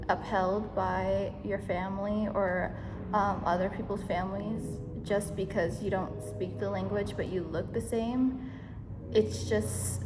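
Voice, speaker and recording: A young woman answering interview questions casually, hesitant and full of fillers, talking in loose run-on phrases. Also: medium pitch. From United States. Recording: echoey room with background noise.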